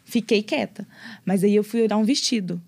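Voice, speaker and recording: A young adult woman, a guest on a podcast, telling her own story casually and in an animated way, acting out what people said. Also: mid-range voice, moderate pace, creaky. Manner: animated, storytelling with lots of quoted dialogue.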